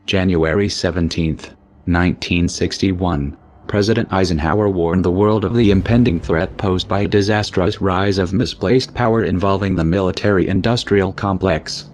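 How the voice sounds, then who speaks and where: Disguised deep narrator voice, male. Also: moderate pace, darkish tone, slight background noise. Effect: voice disguised with a deep voice changer. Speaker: anonymous narrator of a protest message. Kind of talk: scripted narration.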